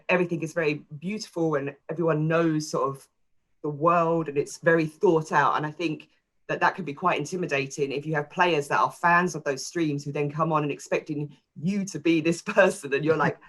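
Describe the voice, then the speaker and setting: A woman chatting on a panel, talking easily and filling her sentences with little pauses. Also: deep voice, steady tone, fairly bright tone. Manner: chatty, with frequent fillers. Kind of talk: panel discussion.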